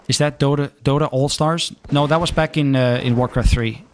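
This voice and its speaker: Some hiss or hum sits under this medium-pitched male voice. He's a young Danish streamer with an accent to match, answering viewers during a game in a relaxed, stop-and-start way, restarting sentences again and again.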